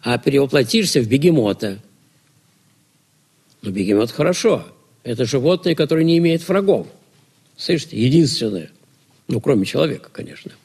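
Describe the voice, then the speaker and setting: Male lecturer, gravelly and husky, rhetorical questions answered in turn. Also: mid-range voice, darkish tone. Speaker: lecturer on religion. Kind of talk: lecture to students.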